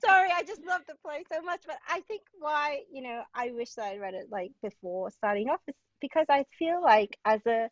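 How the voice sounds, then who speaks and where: In a casual literary discussion, a Hong Kong playwright appearing as a guest talks about plays with real enthusiasm, wandering off on tangents and scattering "like" and "you know" throughout. Her high voice has lively intonation, and she speaks a little fast with few pauses. The audio lacks room sound but is distant, dull, and lo-fi.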